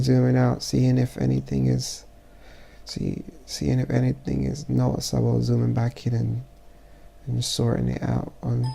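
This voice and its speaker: Stuffy, gravelly-voiced man talking slowly. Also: mid-range voice, dark tone. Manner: halting, thinking aloud while working. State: stuffy, congested. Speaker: photographer. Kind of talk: casual software tutorial voice-over.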